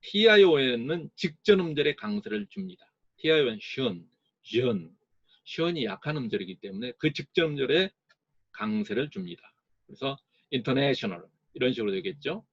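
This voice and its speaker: In a recorded lecture, a male English teacher explains things slowly and sounds out words to model their stress. His voice is medium-pitched, expressive, and husky, with no echo but dull audio.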